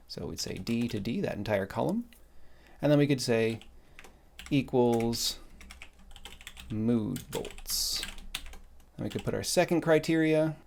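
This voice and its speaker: A man teaching a screen-recorded spreadsheet tutorial, explaining in a calm, methodical way while he types. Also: mid-range voice. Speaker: instructor.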